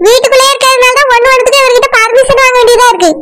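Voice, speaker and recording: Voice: very high voice, level tone, very fast, sharp tone. A performer voicing a scheming young village wife in a cartoon, with a Tirunelveli Tamil accent and a fretful, pleading way of talking. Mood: fretting. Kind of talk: cartoon voice acting.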